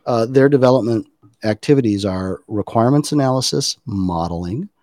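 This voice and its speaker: A man's voice: medium pitch, normal speed, darkish tone, no echo. A middle-aged man talking casually as a podcast guest, explaining things thoughtfully with loose fillers and restarts. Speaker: podcast guest, design practitioner.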